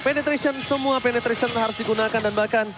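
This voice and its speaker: High-pitched Indonesian male esports caster. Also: fairly even intonation, quick pace. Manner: emphatic, repeats phrases for effect. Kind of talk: live esports commentary, analytical and play-by-play. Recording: game broadcast with music behind. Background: music.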